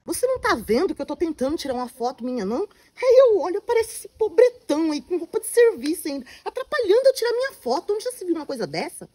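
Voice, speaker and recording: A woman playing a snobbish Brazilian girl, high lively voice. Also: very fast, few pauses. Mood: scornful. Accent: Brazilian Portuguese. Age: young adult. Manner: haughty, scornful, whiny. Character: spoiled, snobbish young woman chasing wealth. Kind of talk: amateur comedy skit acting.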